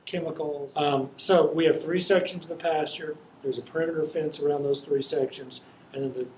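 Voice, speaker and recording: Halting male farmer in an echoey room. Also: medium pitch, darkish tone. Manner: halting, hesitant delivery. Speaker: farmer being interviewed. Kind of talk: unscripted explanatory interview talk. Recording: echoey room with faint noise.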